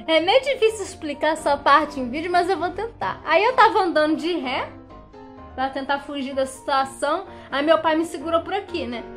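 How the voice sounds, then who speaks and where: A young woman telling a dramatic personal story in a casual, animated way. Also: sits high, moderate pace, faint music behind. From Brazil. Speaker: vlogger.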